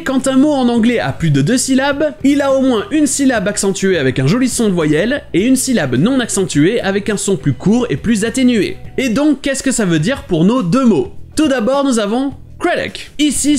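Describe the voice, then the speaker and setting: High-voiced French teacher explaining. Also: male voice. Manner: clear, methodical explaining, with lively stress. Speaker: English teacher and host. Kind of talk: scripted video lesson.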